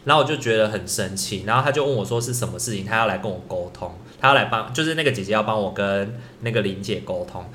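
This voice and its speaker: A young man, casually telling a rambling, animated story as a podcast co-host. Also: on the low side, quick pace, hardly any pauses, a little hiss or hum.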